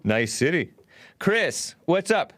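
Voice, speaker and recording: A man's voice: fairly high pitch, sing-song, slow, a bit bright, no room sound, clean studio sound. A man hosting a call-in show, talking casually with callers.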